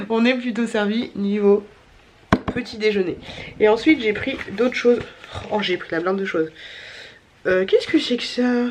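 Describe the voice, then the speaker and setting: A woman's voice: on the high side, slight background noise. Stuffy-nosed chatty woman vlogger. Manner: chatty, many fillers and repeated words. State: tired. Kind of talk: casual chatty haul vlog.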